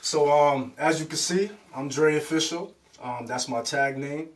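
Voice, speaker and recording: A man from Poughkeepsie, New York, a rapper guest talking about himself in a relaxed, laid-back way with plenty of fillers. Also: fairly high pitch, measured pace, far from the mic. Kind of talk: casual interview.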